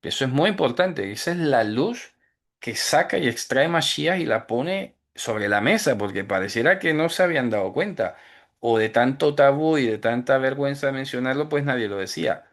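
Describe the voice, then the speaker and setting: A man giving a religious teaching, explaining in a conversational way and slowing down to stress key words. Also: medium pitch, animated, fairly bright tone. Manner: explanatory, asks "¿vale?" and "¿sabes?" often, slows to stress key words. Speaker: teacher of Torah commandments. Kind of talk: recorded teaching talk.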